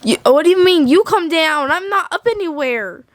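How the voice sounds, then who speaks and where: A woman voicing a young girl doll in doll pretend play, squealing high when she is scared of a spider. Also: animated, moderate pace, a little hiss or hum.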